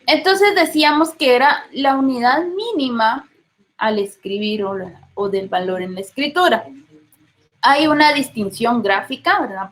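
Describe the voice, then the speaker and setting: Slow, patient woman teacher, Guatemalan accent. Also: on the high side, fairly bright tone, low-quality recording. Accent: Guatemalan Spanish. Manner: explains patiently, checks in with frequent rhetorical questions. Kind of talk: classroom lecture.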